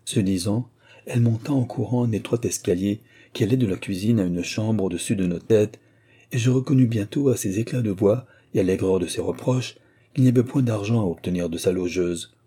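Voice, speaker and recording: Man reading an old novel aloud, dark mellow voice, steady. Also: on the low side, fairly quick, husky. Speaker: narrator. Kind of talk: audiobook reading.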